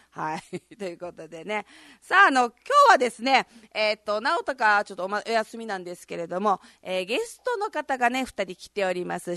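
A woman with a hoarse, gravelly voice, hosting a casual, chatty live radio show and talking to her listeners. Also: mid-range voice, fairly bright tone, no echo, clean studio sound. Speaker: radio host. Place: radio studio, live broadcast.

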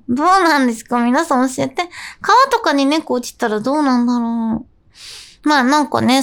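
Bubbly high-voiced young woman. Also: fairly bright tone, smooth. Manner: bubbly, chatty, playful. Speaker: radio host and live streamer. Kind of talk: casual radio chat with quiz.

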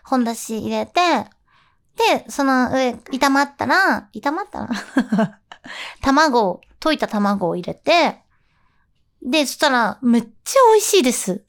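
High-pitched chatty woman host. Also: lively intonation, slow pace. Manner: chatty and giggly, sliding between polite and casual talk. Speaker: voice actress hosting a show. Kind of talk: casual chat.

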